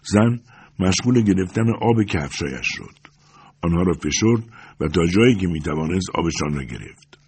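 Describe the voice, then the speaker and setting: Male audiobook narrator, steady measured reading, very deep, husky.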